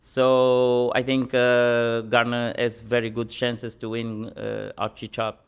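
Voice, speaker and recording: A young man, a professional boxer answering interview questions in halting English full of pauses and fillers. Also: medium pitch, completely flat delivery, creaky, clear, resonant tone. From Portugal.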